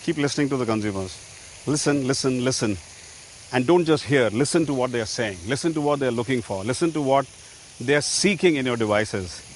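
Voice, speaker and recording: A man's voice: mid-range voice, expressive, fairly quick, slight background noise. A man, an executive guest, answering interview questions confidently and emphatically.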